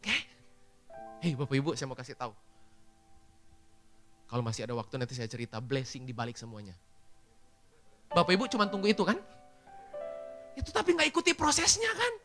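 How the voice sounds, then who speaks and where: A man's voice: medium pitch, a little fast, pauses often, over music. A male preacher telling a story in a sermon, acting out the dialogue and often turning to address the congregation. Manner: animated, acts out dialogue, keeps addressing the congregation. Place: church function hall.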